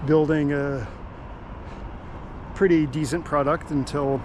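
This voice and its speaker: A man with a slightly high voice talks slowly and casually while out on a run. He rambles in a laid-back vlog style. Clear outdoor and car noise sits around his voice. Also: fairly even intonation. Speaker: running vlogger.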